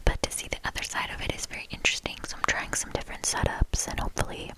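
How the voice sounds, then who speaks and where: A woman whispering a casual, rambling ASMR chat in a soft, unvoiced voice, lingering on and repeating soft words. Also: rapid-fire. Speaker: host of a knitting ASMR channel.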